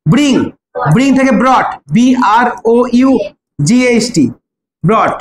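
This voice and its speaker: A woman's voice: a little high, animated, a little slow, slight background noise. Bengali woman teaching English spelling. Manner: spells words letter by letter, asks students questions. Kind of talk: classroom lesson in Bengali. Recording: echoey room with faint ambience.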